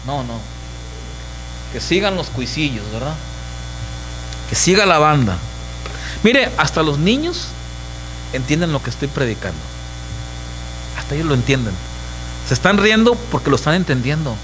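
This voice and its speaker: A man's voice: a little high, very animated, moderate pace, pauses often, a bit bright, a little hiss or hum, poor audio. A middle-aged pastor with a Mexican accent preaching a sermon emphatically, asking his congregation questions and acting out voices. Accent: Mexican Spanish.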